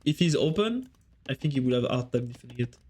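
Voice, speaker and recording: A man with a French accent casts a strategy game on a live stream, chatting with viewers between plays and answering chat as he goes. His voice is medium-pitched, darkish and husky, with big pitch swings and a fast delivery.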